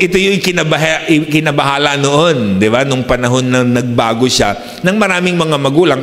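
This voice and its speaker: Filipino male pastor, mid-high voice, sermon mixing in English, recorded in a reverberant church hall. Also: a bit bright, a little hiss or hum. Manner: mixes English phrases into his preaching, asks the congregation "di ba?". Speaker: preacher.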